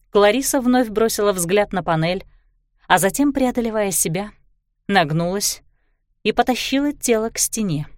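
Expressive woman narrating a story. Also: medium pitch, no room sound, studio quality. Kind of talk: scripted narration.

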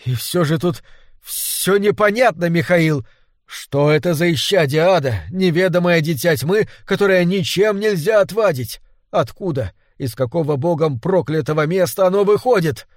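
A man's voice: a little high, normal speed, dry recording, close to an everyday voice. Man doing an anguished haunted husband, raised pleading voice, dry close sound. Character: desperate middle-aged man haunted by a vampire. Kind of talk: audiobook character reading.

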